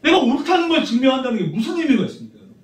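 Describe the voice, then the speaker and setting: A middle-aged man preaching a sermon as pastor, conversational and animated, teasing his congregation. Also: extremely high pitch, very fast. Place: church sanctuary. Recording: roomy church sound from a distant mic.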